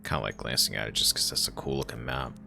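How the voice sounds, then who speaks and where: A man's voice: a bass voice, fairly even intonation, fast talker, creaky, sharp tone, faint music behind. A man hosting a let's play, commenting offhandedly and reading game text aloud. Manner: offhand, conversational.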